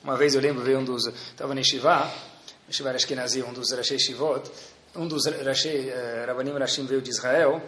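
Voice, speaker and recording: Um professor religioso com sotaque brasileiro, contando histórias de forma animada e com piadas numa aula. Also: male voice, medium pitch, brisk, roomy sound, a little hiss or hum. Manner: lively storyteller, jokey asides. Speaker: religious teacher. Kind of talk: religious class with stories and jokes.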